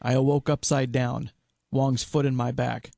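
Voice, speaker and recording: A man and podcast host reading a first-person adventure story in a steady, measured storytelling way. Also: medium pitch, vocal fry, slight background noise.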